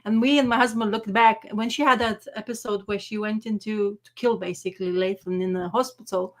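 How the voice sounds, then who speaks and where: A woman co-hosting a casual chat show, talking in an animated way that trails off and restarts mid-sentence. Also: medium pitch, fairly quick. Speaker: podcast co-host.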